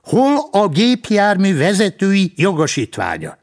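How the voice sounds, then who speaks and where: A pompous traffic cop, stern and officious, with every phrase stiffly formal, as a man puts him on. The voice sits well above a natural speaking pitch and moves in lively swings. It sounds like a read-aloud storybook. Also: exaggerated voice.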